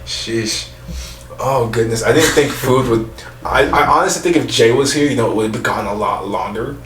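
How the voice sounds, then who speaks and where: Co-host, young man, sits back from the mic in a roomy space; relaxed, profane chat. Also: medium pitch, moderate pace, recorded from a distance, music in the background. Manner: laid-back, profane, laughs a lot. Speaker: podcast co-host. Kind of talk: casual chat. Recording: roomy, off-mic with faint noise.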